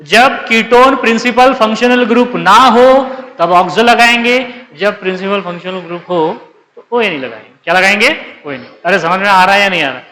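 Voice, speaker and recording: A man's voice: high-pitched, normal speed, sharp tone, big-room sound, low-quality recording. A male chemistry teacher giving a live class lecture, coaxing his students and checking again and again whether they understood. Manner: calls students 'beta', coaxing.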